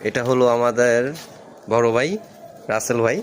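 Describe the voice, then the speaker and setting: A man's voice: mid-range voice, flat delivery, normal speed, slight background noise. A man, chatting to his viewers while fishing at a rural wetland, recorded on a phone. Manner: chatty, addresses viewers directly. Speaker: fishing vlogger. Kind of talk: casual vlog chat to viewers.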